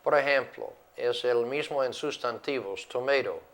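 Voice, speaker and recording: A man teaching an English grammar lesson to a class, slow and deliberate, repeating words and switching between English and Spanish. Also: on the low side.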